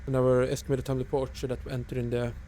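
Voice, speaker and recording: A man's voice: mid-range voice, completely flat delivery, fast, warm tone, slight background noise. A man flying a flight simulator online, giving terse pilot-style cockpit callouts and checklist items.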